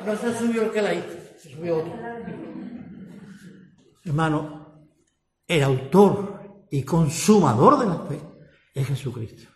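A man preaching a sermon, asking rhetorical questions and swinging between loud and soft. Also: sits high, expressive, unhurried, long pauses, reverberant, slight background noise.

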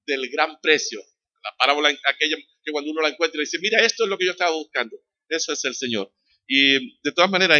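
Male preacher, conversational sermon style with loud rising peaks; bright, muffled recording. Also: no echo. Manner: animated, rising loud on key phrases, then dropping low; conversational, addresses congregation directly.

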